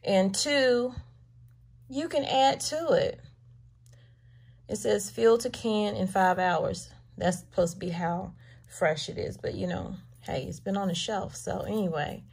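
A woman's voice: mid-range voice, a little hiss or hum. A woman talks casually with her viewers from home. Her manner is homey and chatty, and she calls them y'all. The recording has the close, plain sound of a handheld camera indoors. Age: adult with a daughter. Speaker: vlogger showing a grocery haul. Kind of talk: casual chat.

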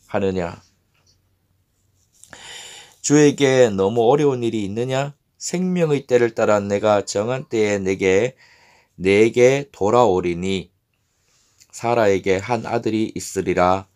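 A man voicing God as a solemn, authoritative male deity who speaks in grave, measured pronouncements, in a scripture reading. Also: on the low side, darkish tone.

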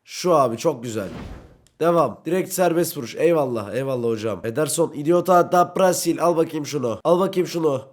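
A young man doing brash, excitable let's-play commentary, talking to himself and his in-game teammates while playing. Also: fairly high pitch, brisk. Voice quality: brash, excitable, swings between shouting and muttering. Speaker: gaming YouTuber.

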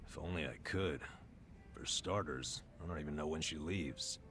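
A weary, burned-out man in middle age. His voice is extremely deep and heavy with self-reproach, over faint music. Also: unhurried, fairly bright tone. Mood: dejected. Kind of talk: English video game drama acting.

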